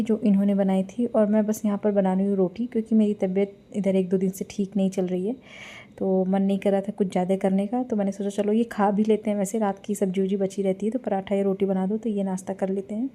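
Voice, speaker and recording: A woman's voice: mid-range voice, dark tone. A young woman chatting through her morning routine for a home vlog, explaining what she is doing as she goes. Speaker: vlogger. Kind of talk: casual home vlog narration. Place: at home, kitchen and house.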